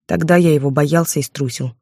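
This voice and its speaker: A woman reading the lines of a remorseful adult man, a quiet and blunt lover, in a curt, low voice. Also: fairly even intonation, fairly quick, slightly rough, dry recording, clean studio sound.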